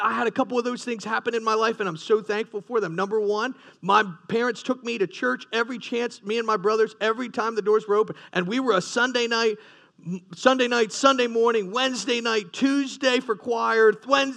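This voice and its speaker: A man preaching a sermon in a high, gravelly voice. He speaks with a bright, cutting edge and keeps firing rhetorical questions at his listeners. He often restarts and repeats his phrases. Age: adult, past his teens. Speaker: pastor.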